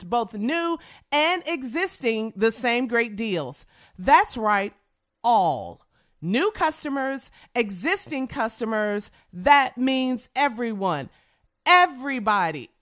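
A woman co-hosting on radio speaks in an emphatic, conversational way. Her voice is fairly high and moves up and down a great deal. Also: a bit bright. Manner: emphatic, repeats words for punch. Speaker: morning radio show co-host. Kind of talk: conversational radio ad read and banter.

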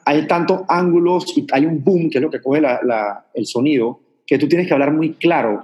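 A man's voice: a little high, darkish tone, highs cut off. A man from Panama with a Panamanian Spanish accent, chatting animatedly as an actor explaining voice technique and demonstrating sounds. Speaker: actor and voice coach guest. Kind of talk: casual chat, explaining voice technique.

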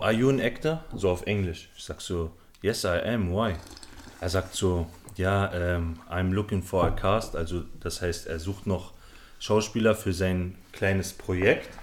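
A man's voice: deep voice, a little hiss or hum. A young man hosting a podcast, telling a rambling, slangy story to friends with lots of fillers. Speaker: podcast host. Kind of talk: casual storytelling among friends.

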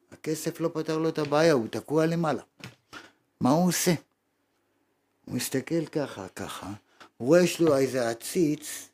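Fervent, animated rabbi preaching a sermon. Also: male voice. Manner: dramatic storyteller, swinging from loud exclamations to hushed low tones; preaching with rhetorical questions. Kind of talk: Torah lesson sermon.

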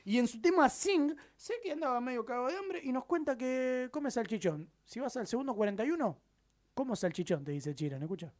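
A man's voice: very high-pitched, lively intonation, a little fast. A man with a Rioplatense accent hosting a late-night radio show, joking and rambling in casual slang. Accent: Rioplatense Spanish. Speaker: radio host. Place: radio studio.

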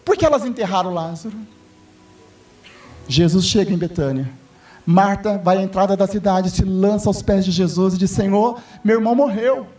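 A male pastor preaching a sermon in a church, emphatic and repetitive, building up to shouts. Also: high voice, normal speed, long pauses. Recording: distant mic with faint music.

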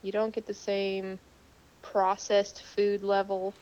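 A woman's voice: medium pitch, completely flat delivery, slow, a little mellow. A woman co-hosting a casual podcast, calling in on her cell phone so her voice sounds tinny, like a tin can, and chatting loosely with many fillers. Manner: chatty, rambling, lots of fillers. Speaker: co-host. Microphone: cell phone call.

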